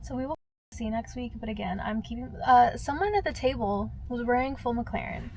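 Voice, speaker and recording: A young woman vlogging in casual chat, ranting with lots of fillers and swearing, her voice swinging from low mutters to loud outbursts. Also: normal speed, a little hiss or hum, poor audio. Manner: heavy filler use, frequent swearing.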